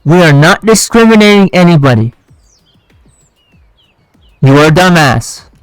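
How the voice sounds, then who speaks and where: Male commentator, higher-pitched and crisp, dry close sound, emphatic and blunt. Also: very animated, measured pace, no echo, faint music behind. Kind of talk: unscripted opinion commentary.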